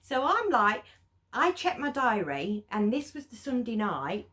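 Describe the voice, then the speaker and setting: A middle-aged Englishwoman chats casually on a vlog, telling a story. She talks in an animated way and mimics her own reactions. Her voice sits a little high for a woman. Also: a little slow. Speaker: vlogger.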